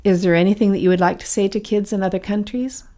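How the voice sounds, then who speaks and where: Interviewer, female, mid-range voice, measured and simple questioning. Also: medium pitch, fairly even intonation, dark tone. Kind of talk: scripted interview questions for English learners.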